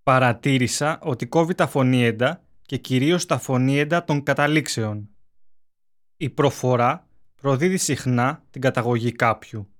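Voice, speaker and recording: A speaker reading dialogue lines for a language lesson in an even way. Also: medium pitch. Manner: even, read-aloud conversational lines.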